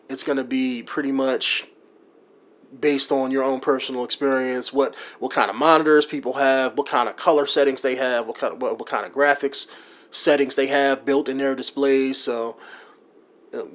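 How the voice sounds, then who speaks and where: A gaming YouTuber walks through his editing setup in a casual screen-recorded tutorial, rambling with frequent ums, likes and you-knows. His voice is medium-pitched, picked up by a USB desktop mic.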